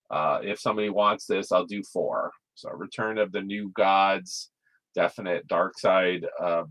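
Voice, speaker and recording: Picture a man with a low, bright, forceful voice running a comic auction stream from his home. His patter is casual and rambling, full of little fillers as he moves from book to book. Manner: laid-back, rambling, chatty with fillers. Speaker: live auction stream host.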